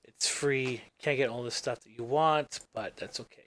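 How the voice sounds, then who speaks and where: Thinking aloud while he works on screen, a man running his own gaming channel rambles and lets his sentences dissolve into mumbles. He's a native English speaker with a mid-range, slightly bright voice at a normal speed, in casual commentary.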